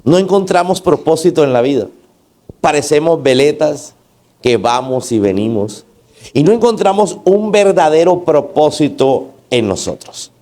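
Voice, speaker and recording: A man's voice: on the high side, sing-song, unhurried, mellow. A man preaching a sermon in church, asking the congregation to repeat after him and posing rhetorical questions. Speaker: pastor.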